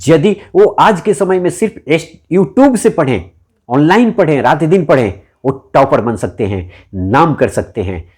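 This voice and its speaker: A man's voice: a little high, lively intonation, a little slow, a little mellow, breathy edge. Earnest man urging parents. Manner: earnest and exhortative, addresses listeners as friends. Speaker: education coach. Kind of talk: motivational talk to parents.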